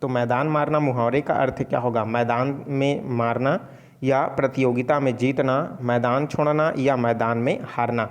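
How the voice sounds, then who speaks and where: A man's voice: medium pitch, steady tone, normal speed, big-room sound. A man from Chhattisgarh teaching an exam-prep Hindi grammar lesson, speaking casually to viewers as friends and answering his own questions.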